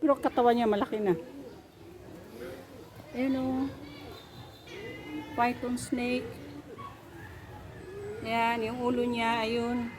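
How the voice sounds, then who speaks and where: A woman's voice: on the high side, flat delivery, slow, pauses often, noisy background. A woman vlogging as a tour guide, chatting casually and greeting the animals as she walks around an outdoor resort. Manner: chatty, talks to the animals, mixes in English. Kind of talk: casual walking vlog.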